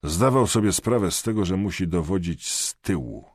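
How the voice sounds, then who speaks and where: A man narrating a thriller audiobook in a measured, expressive reading. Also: low voice, slightly rough, no echo, clean studio sound.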